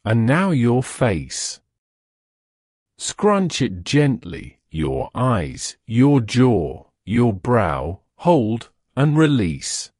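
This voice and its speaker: A man slowly and soothingly guiding a listener through a relaxation and sleep hypnosis script. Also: mid-range voice, wildly swooping pitch, darkish tone, no room sound, studio quality. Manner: slow, soothing, drawn-out delivery.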